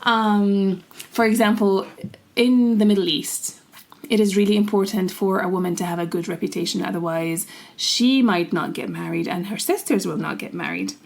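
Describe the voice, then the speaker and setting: A young Syrian woman co-hosts a podcast, sharing personal stories earnestly and casually and laughing easily. Her mid-range voice is gravelly and a little mellow, with lively intonation at a normal speed.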